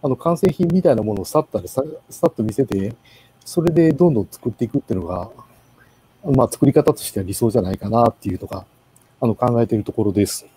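A man giving a casual presentation in an online meeting, with many pauses and fillers. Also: medium pitch, expressive, warm tone, breathy edge, low-quality recording. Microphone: video call.

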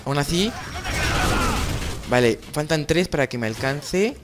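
A young man giving excited gameplay commentary as host of his gaming channel, repeating phrases over and over. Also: a little high, measured pace, background noise.

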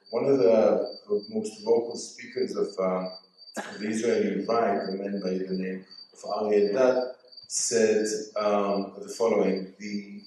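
A man with a fairly low voice picks his way through his points as a panelist, full of fillers and restarts. He sounds distant from the mic, and a strong hall echo surrounds every word. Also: darkish tone, slight background noise. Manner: hesitant, many fillers and restarts. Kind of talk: panel discussion remarks. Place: large auditorium stage.

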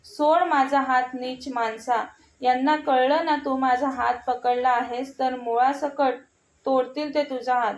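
A woman's voice: sits high, fairly even intonation, unhurried, reverberant, lo-fi sound. A woman voicing a frightened, pleading young woman.

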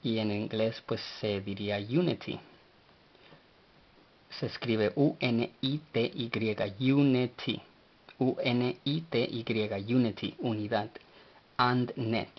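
A man teaching a language lesson, speaking slowly and spelling words out letter by letter. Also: medium pitch, dull audio.

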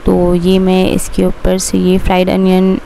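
A woman's voice: lowish voice, monotone, unhurried, creaky, dark tone, slight background noise. A young woman chatting through her home cooking steps in a casual voice-over, explaining each step as she goes. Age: young adult. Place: home kitchen.

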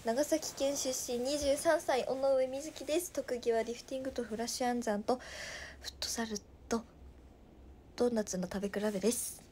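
A woman in her twenties from Nagasaki, chatting casually on a livestream with a Nagasaki dialect, reading viewer comments aloud and often dropping to a soft murmur. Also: on the high side, fairly even intonation, normal speed, slight background noise. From Nagasaki, Japan. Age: 20s.

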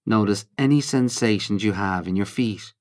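Speaking in a fairly low voice, a man narrates a mindfulness meditation, offering calm instructions in short, measured phrases with pauses.

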